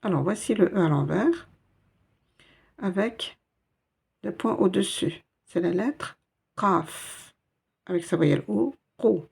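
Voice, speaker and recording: A woman's voice: medium pitch, lively intonation, takes it slowly, creaky, pauses often, darkish tone, slightly rough. A woman teaching a step-by-step Arabic reading lesson in French, patient and explaining each letter and sound.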